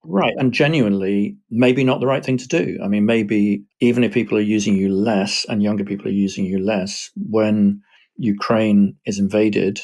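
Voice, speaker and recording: Low husky male researcher. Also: steady tone, a little mellow. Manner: measured, analytical, with frequent "you know" asides. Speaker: media researcher guest. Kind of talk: explanatory interview answers.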